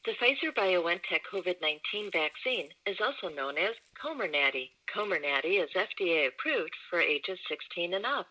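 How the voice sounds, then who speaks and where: A woman reading a recorded phone menu message for a customer service line, in an even, measured, scripted announcer manner. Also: lowish voice. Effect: recorded phone menu played over a phone line.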